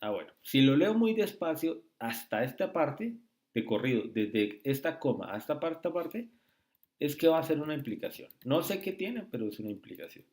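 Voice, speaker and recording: A man tutoring logic in a screen-recorded lesson, speaking slowly and often checking with "¿sí?" and "¿listo?". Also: on the high side, very animated, darkish tone. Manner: slow, repetitive, asks rhetorical checks.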